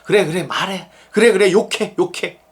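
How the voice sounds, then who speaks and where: A man voicing God as a gentle, soothing father who softly repeats reassurances to a hurting child, set inside a sermon. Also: high-pitched, moderate pace, close to an everyday voice. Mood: soothing, hushed. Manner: hushed, soft, repeating reassurances. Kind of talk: sermon illustration.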